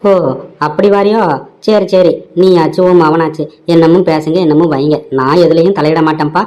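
A man's voice: fairly high pitch, steady tone, moderate pace, a little mellow, lightly acted. Cartoon comedy: a man playing a middle-aged father with a Tamil accent, wry and easygoing, muttering asides. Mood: firm.

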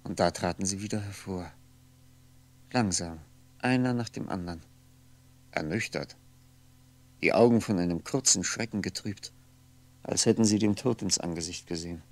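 Reflective and absorbed, a lonely man in a 1960s German radio play talks to himself about faded memories with a low, creaky voice. He broods in halting, introspective phrases, articulating deliberately and often correcting himself.

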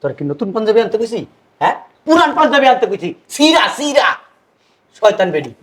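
An actor playing a greedy, bossy middle-aged father-in-law who scolds and mocks in rapid, speech. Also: sits high, sing-song, slight background noise. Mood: nagging. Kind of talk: village comedy drama.

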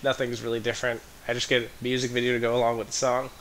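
A man's voice: mid-range voice, little pitch movement, racing, a bit bright, slight background noise. A man giving casual, rambling commentary on a music video, out of breath and full of "like" and "um".

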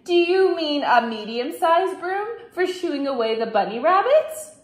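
A woman voicing a calm, curious young boy in a storybook reading, with a gentle, questioning way of talking. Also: high-pitched, measured pace, voice pushed up. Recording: roomy echo.

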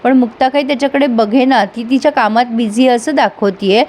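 A woman's voice: fairly high pitch, fairly quick, darkish tone. A woman reviewing a TV serial episode in a casual recap, chatting directly to her viewers.

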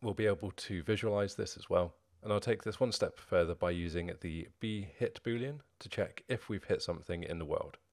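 A young man narrating a screen-recorded coding tutorial, explaining each step in a steady, methodical way. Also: low-pitched, fairly quick, hardly any pauses. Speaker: programming tutorial host.

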